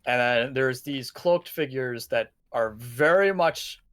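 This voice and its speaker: A man's voice: mid-range voice, takes it slowly, a bit bright, smooth, no echo. A man narrating a tabletop horror game as game master, casual with lots of fillers and chuckles.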